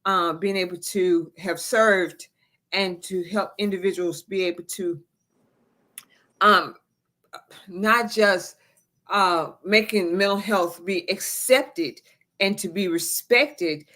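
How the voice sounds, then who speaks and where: Measured, slow-talking female co-host. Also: mid-range voice, a bit bright. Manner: measured, formal phrasing. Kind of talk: casual talk show chat.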